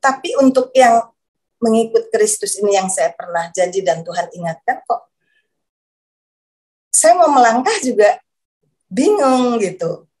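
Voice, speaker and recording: This woman's voice is a little high and darkish, with lively intonation, an unhurried pace, and frequent pauses. Giving her conversion testimony as a guest, she searches for words and repeats herself, her voice rising as emotion takes hold.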